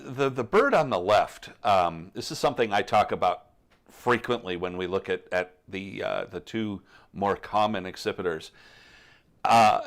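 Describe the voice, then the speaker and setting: A middle-aged man co-hosting a live bird question show, explaining in a relaxed, rambling way with many restarts. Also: on the low side, gravelly. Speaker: co-host answering bird questions. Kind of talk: casual live stream chat.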